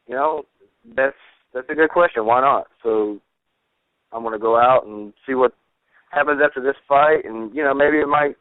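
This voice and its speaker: Over a narrow, phone-like line with no room sound, a man in his late twenties gives a casual interview as a fighter and coach. His pitch is average for a man. He speaks earnestly in halting runs, restarting and repeating phrases. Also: no echo. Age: 20s. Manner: earnest, halting, repeats words and leans on "you know". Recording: thin, phone-like radio or phone line.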